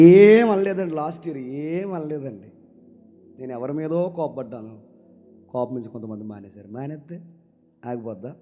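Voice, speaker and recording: A man preaching a sermon with passion, swinging from loud declaiming to low confiding talk and repeating his phrases for emphasis. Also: long reverb tail.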